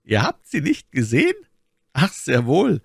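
A man's voice: on the high side, huge pitch swings, normal speed, creaky, a bit bright, no room sound, clean studio sound, pitched above the performer's own voice, heavily acted. A man reading an audiobook, voicing a scheming older male cardinal in a raised, lilting, coaxing voice. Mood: probing. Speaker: audiobook reader.

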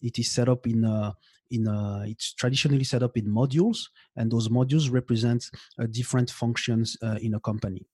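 A man in his thirties from Belgium, a consultant answering interview questions with many pauses and restarts. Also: mid-range voice, fairly even intonation, warm tone, breathy edge, dry recording, clean studio sound. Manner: hesitant, many fillers and restarts. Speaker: guest expert, consultant.

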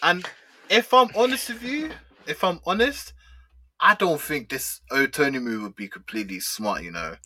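A man's voice: a little high, lively intonation, moderate pace, pushed and bright, a little hiss or hum. A young man with a London roadman accent, debating football casually in slang peppered with "bro", "man" and "yeah". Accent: London, urban street slang (roadman).

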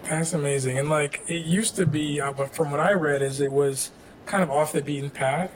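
A man hosting a podcast interview, asking questions in a relaxed conversational way. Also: fairly high pitch, normal speed, a little hiss or hum, low-quality recording. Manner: conversational, frequent affirmations. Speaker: podcast host. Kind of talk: casual interview chat.

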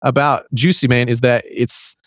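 On a remote call, a medium-pitched man from Tennessee chats casually as a podcast guest at a moderate pace. His light Southern accent and frequent fillers give a relaxed, rambling feel, and the audio is clean studio sound with no room noise.

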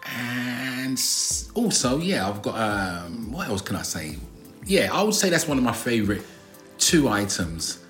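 A man's voice: medium pitch, sing-song, a little slow, a bit bright, faint music behind. A man with a South London accent chatting casually as a co-host, drawing out his words with a little slang. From South London, England. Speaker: co-host of a couple's vlog. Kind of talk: casual chat.

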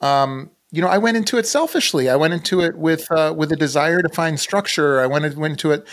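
A man from the United States speaking as an interview guest, reflective and conversational, with halting, thoughtful phrasing. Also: fairly high pitch. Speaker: podcast guest, entrepreneur.

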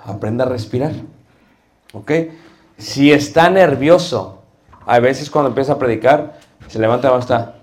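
A man's voice: mid-range voice, moderate pace, long pauses, darkish tone. A middle-aged man teaching a class on preaching, asking the students rhetorical questions. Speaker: homiletics teacher.

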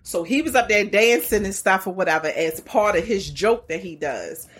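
Woman, Baltimore accent, husky voice, mid pitch, blunt, slangy, profane, casual podcast storytelling. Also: normal speed. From Baltimore, United States. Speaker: stand-up comedian, podcast guest. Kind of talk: casual candid chat, storytelling.

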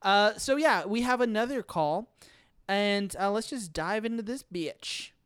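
A man's voice: sits high, a little slow, fairly bright tone, smooth, no echo, studio quality. Joking laid-back male podcast host. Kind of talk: casual podcast chat.

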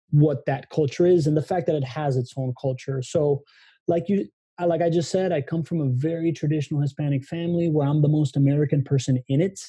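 A man in his thirties, born in Venezuela and raised in Miami, chats casually as a podcast guest, reflective and open, in long run-on sentences. His mid-range voice is warm with a breathy edge, and there's no echo.

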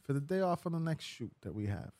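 A man co-hosting a podcast in loud, joking casual chat, swearing and laughing often. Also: on the high side, very animated, fast, dry recording. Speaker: podcast co-host.

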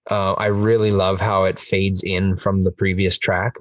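Guy on a music podcast going on and on, kinda low voice, dry room, bit off mic. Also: little pitch movement, unhurried, no room sound, distant mic. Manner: enthusiastic, rambling, heavy on fillers. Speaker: podcast host. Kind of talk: casual music podcast chat.

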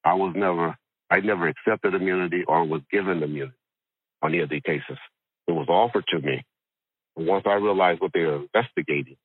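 A man calling in by phone who holds the phone away from his mouth, so his halting, repeating speech is hard to make out. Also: sits low, slightly rough, no room sound. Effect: phone held away from the mouth, hard to make out. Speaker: phone-in guest. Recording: tinny phone line.

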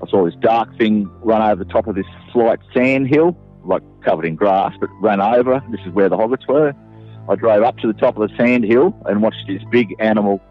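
Low-voiced Australian farmer on a phone line. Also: male voice, a little fast. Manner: plain-spoken, many "you know" fillers. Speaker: sheep farmer. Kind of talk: casual interview recollection. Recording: phone-like line with faint music.

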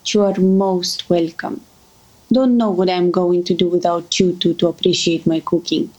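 An actress playing a warm, motherly older woman who speaks gently and affectionately. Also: on the low side, steady tone, normal speed, close to an everyday voice, rough recording. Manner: gentle, affectionate, calls others darling. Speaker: family friend. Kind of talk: drama acting.

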